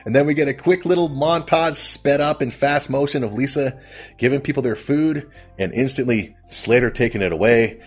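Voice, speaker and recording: A man's voice: mid-range voice, normal speed, slightly rough, soft background music. A man hosting a casual comedic recap of a TV episode, rambling and amused at his own retelling. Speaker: host.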